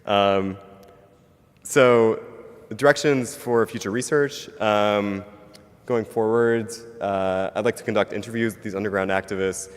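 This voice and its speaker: A man's voice: fairly low pitch, fairly even intonation, unhurried, clean tone. A man giving an academic conference presentation, hedging often with fillers like "um" and "kind of". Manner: hedging, filler-heavy delivery. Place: university lecture hall. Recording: lecture hall reverb.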